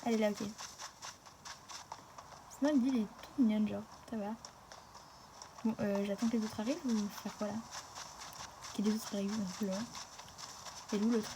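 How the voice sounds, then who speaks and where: A young woman talking fast and casually in slangy chat while commenting on her gameplay. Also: medium pitch, steady tone, noisy background. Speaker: gaming video creator.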